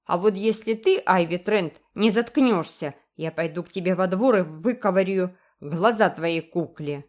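Lady reading as a hot-headed little boy yelling threats, loud and cross. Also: on the low side, lively intonation, a little slow. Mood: furious. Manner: shouting threats. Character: furious, threatening young boy.

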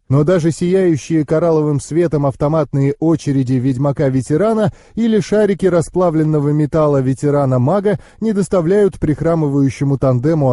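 A man reading a fantasy audiobook in the first person, with steady, expressive storytelling. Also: a little high, dry recording, clean studio sound. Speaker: audiobook narrator.

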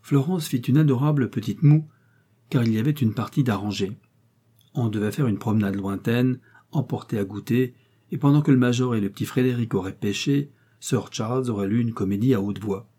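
A man narrates a classic novel as an audiobook in a measured, expressive way. His voice is mellow and a little husky. His pitch sits in the middle range.

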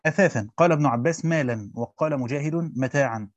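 A man's voice: medium pitch, no echo. A man reading a classical commentary aloud and stopping to explain it in plain speech, like a teacher. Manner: reads fast, stops to explain in Egyptian Arabic. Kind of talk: reading a classical text aloud with spoken asides. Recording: dull dry lo-fi recording.

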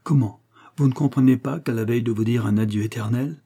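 A man's voice: mid-range voice, fairly quick, warm tone, close to an everyday voice. A man reading aloud who voices a stern, mocking noblewoman, a marshal's widow, who gives cold, curt orders. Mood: scornful.

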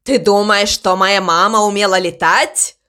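A woman's voice: medium pitch, fairly even intonation, a little slow, pushed and bright. A woman voicing a boastful male raven who pretends to be a tiger, growling and swaggering in a storybook reading.

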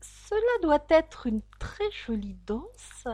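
A woman's voice: sits high, animated, measured pace, a little mellow, pitched above the performer's own voice. A woman voicing a polite, timid young girl in a storybook reading.

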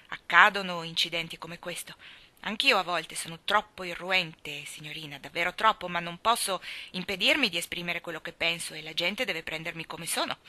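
A woman voicing a blunt, gruff old male farmer who speaks his mind plainly. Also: lowish voice, bright, forceful tone.

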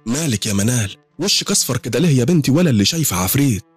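A man's voice: mid-range voice, animated, racing, breathy edge, no echo, soft background music, voice pushed up. A man with an Egyptian accent voicing a chatty, joking middle-aged mother-in-law who talks in a raised voice. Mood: worried. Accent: Egyptian Arabic.

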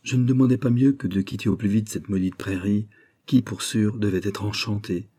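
A male narrator reads a literary tale with measured, expressive delivery. His voice is slightly low and mellow, with a husky grain. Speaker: audiobook narrator. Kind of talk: reading a literary story aloud.

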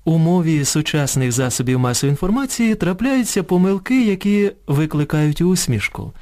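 A man presenting a scripted educational radio programme. He reads in a measured way, contrasting correct and incorrect forms one by one. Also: on the high side, animated, darkish tone. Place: radio studio.

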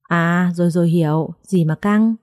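A woman voicing a carefree, slow-witted rich young man in an audiobook story. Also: fairly low pitch, darkish tone, dry recording, clean studio sound, lightly acted. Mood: lazy. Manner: lazy, carefree.

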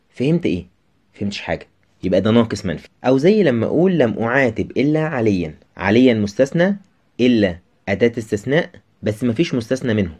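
A man with an Egyptian Arabic accent runs through a grammar lesson at breakneck speed. His pitch sits in the middle, and he keeps the talk chatty, firing questions at the student. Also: dark tone.

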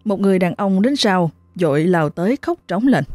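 Brief: woman storyteller, steady horror narration, warm dark tone. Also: medium pitch, moderate pace, dry recording.

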